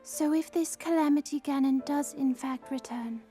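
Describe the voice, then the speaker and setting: A man voicing a gentle, caring young fish-woman princess, speaking softly and earnestly. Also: extremely high pitch, steady tone, moderate pace, soft background music, voice pushed up. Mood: tender. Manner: soft, tender, earnest.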